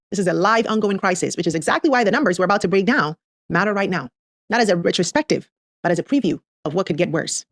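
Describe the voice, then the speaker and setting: Female explainer host: quick, punchy and emphatic, talking straight to the listener, very dry recording. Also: medium pitch, dry recording. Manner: emphatic, direct address with rhetorical build-ups. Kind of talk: scripted explanatory commentary to camera.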